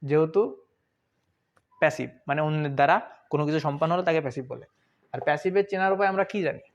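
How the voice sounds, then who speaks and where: A man's voice: a little high, quick pace, highs cut off. A young man teaching an online grammar lesson in a chatty, informal way, asking questions and answering them himself.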